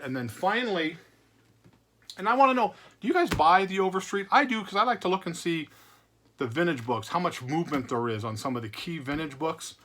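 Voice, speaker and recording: Male vlog host, loose rambling delivery full of fillers, a touch high-pitched. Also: a bit bright, a little hiss or hum. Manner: rambling, repeats words, many fillers. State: recovering from illness. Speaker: comic book channel host. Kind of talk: casual chat to camera.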